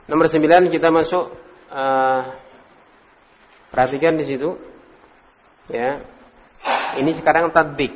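A man leads an Arabic class. He quizzes students one by one, praises their answers and draws out the drill words slowly. His voice sits fairly high for a man, and it rings in a hall with a long echo. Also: steady tone, dull audio. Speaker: Islamic teacher leading an Arabic class. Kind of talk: interactive classroom lesson. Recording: reverberant room recording.

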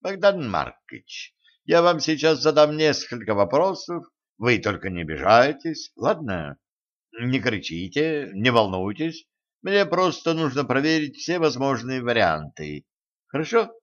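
A man voicing a calm, tactful male doctor who speaks in a slow, measured, hesitant way, in a dull lo-fi recording. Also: mid-range voice. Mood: soothing, pondering.

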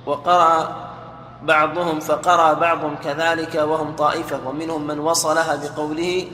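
A man reading a classical text aloud to his teacher in a steady, formal way. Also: on the high side, moderate pace. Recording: echoey hall with faint noise.

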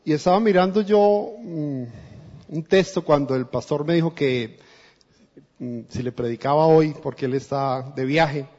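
A man's voice: fairly high pitch, unhurried, darkish tone. A man with a Colombian accent preaching a sermon as a guest preacher, speaking earnestly and directly to the congregation. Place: church. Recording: dull lo-fi recording in a reverberant church.

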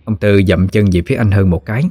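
A man with a Southern Vietnamese accent narrating a scripted horror story in a steady, measured way. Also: lowish voice, breathy edge, no echo.

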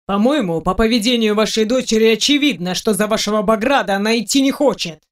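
A woman's voice: a little high, quick pace, lightly acted. Woman voicing a sarcastic defiant young man.

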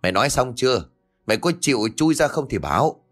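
A man voicing a stout, hot-tempered middle-aged village woman, scolding loudly and fast. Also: medium pitch, very animated, soft background music.

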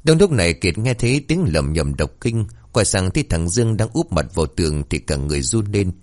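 A male storyteller reads a comic ghost tale in a colloquial, lively manner. His voice is deep. His pitch rises and falls widely as he goes. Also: a little fast.

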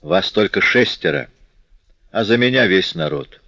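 A man's voice: low voice, lively intonation, unhurried, pushed and bright, dry recording, exaggerated voice. A man reading the part of a ragged young street girl who scornfully taunts a gang of robbers without fear. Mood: defiant. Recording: dull dry lo-fi audiobook recording.

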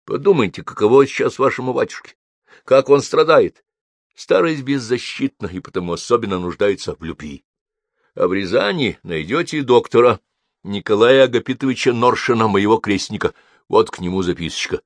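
A male audiobook reader voicing a gentle, forgiving older doctor who speaks tenderly and urges kindly, in a lifted voice above his own low tone. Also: animated, moderate pace, no echo, studio quality. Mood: urging. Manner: tender, fatherly, gently urging. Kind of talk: audiobook character voice.

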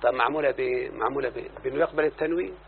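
A man's voice: mid-range voice, rapid-fire, creaky. An Egyptian man teaches grammar, explaining verses line by line and checking that his student follows. The sound is tinny and phone-like with a faint hiss behind it. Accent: Egyptian Arabic. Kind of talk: classroom lesson on grammar.

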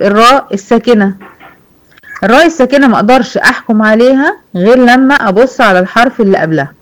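Woman, Egyptian accent, tajweed teacher, patient, repetitive, mid pitch, slow drills. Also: low-quality recording. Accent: Egyptian Arabic. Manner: patient, repeats rules slowly with examples, checks understanding. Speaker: Quran recitation teacher. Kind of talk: online tajweed lesson.

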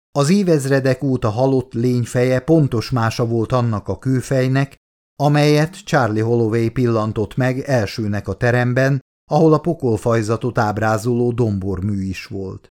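A man reading his own book aloud as an audiobook narrator, steady and measured. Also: mid-range voice.

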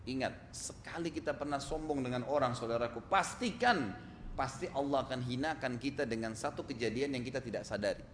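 A male preacher delivering a sermon in a lively, storytelling way, with frequent rhetorical questions. His mid-range voice rings in a large hall with long reverb and faint noise in the background. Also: mid-range voice, a little fast.

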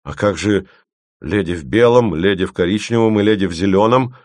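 Man voicing a male investigator, grumbling, measured, firm, low voice, audiobook. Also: dry recording, lightly acted.

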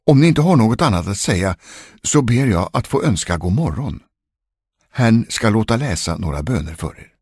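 A man's voice: fairly low pitch, expressive, a little mellow, slightly rough, no room sound, voice pushed up. A man voicing a polite young lady's maid who speaks to a ghost in a spoken ghost story. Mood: prim. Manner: prim, polite.

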